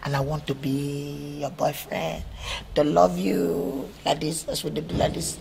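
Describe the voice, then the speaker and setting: A man's voice: fairly high pitch, completely flat delivery, measured pace, gravelly, darkish tone, a little hiss or hum. An actor with a Nigerian accent playing a cheeky, lovestruck young male student who begs a girl to date him in rambling pidgin. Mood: pleading. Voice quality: pleading, playful, rambling. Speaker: student suitor. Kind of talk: comic film acting.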